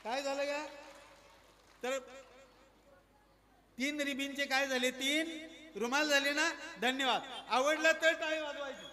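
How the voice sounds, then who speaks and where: Bright high-voiced man doing kids' magic show. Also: measured pace, long pauses, slight background noise. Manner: playful, coaxing, asks the crowd questions. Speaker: stage magician performing for children. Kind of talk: lively stage patter with audience.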